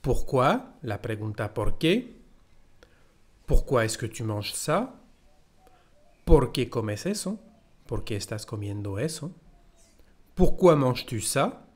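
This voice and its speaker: A man's voice: medium pitch, very animated, slow, pauses often, darkish tone. A man with a French accent teaching a language lesson, explaining carefully and reading out French example phrases.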